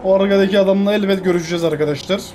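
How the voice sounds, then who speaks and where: A woman gaming YouTuber chatting casually during gameplay, often shouting in exasperation. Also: medium pitch, fairly even intonation, racing, slight background noise.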